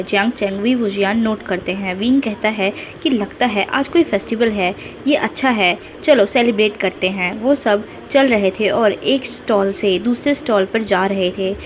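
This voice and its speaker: A woman narrating a retold fan fiction story at a steady storytelling pace. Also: medium pitch. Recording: dull lo-fi with faint hiss.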